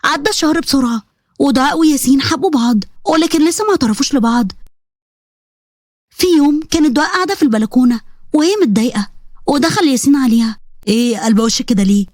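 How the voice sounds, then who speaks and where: Fast, high Egyptian woman storyteller. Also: expressive, a little mellow, dry recording, studio quality. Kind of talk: scripted narration.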